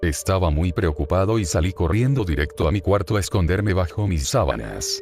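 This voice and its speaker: Deep-voiced man reading horror stories. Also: animated, fairly quick. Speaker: horror story narrator. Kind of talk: reading creepypasta stories aloud.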